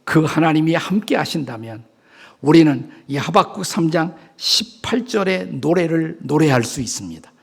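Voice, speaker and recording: A man's voice: fairly high pitch, expressive, normal speed, creaky, breathy edge. An older man, a retired senior pastor, preaching a sermon emphatically and leading the congregation to repeat after him. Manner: emphatic preaching, leads congregation in call-and-response. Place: church sanctuary.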